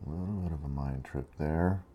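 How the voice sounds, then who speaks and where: Speaking a little fast in a rumbling low voice, a weary man rambles casually about a strategy game with frequent fillers, having gone 23 hours without sleep. The lo-fi sound carries a slight hiss or hum.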